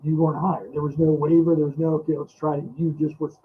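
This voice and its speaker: A man's voice: a little high, level tone, fast, husky. A man chatting casually on a political livestream, his voice coming through a muffled, badly set-up new headset mic. He talks in a plain, matter-of-fact way and lists his points one by one. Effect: muffled, lo-fi sound from a new headset mic that is set up wrong. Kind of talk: casual talk-show chat.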